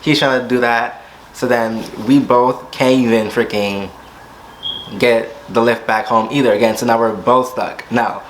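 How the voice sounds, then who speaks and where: A young man telling a storytime vlog story, dramatic, acting out quotes and jumping into sudden high squeals. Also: fairly even intonation, unhurried, a little hiss or hum, rough recording. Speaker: vlogger.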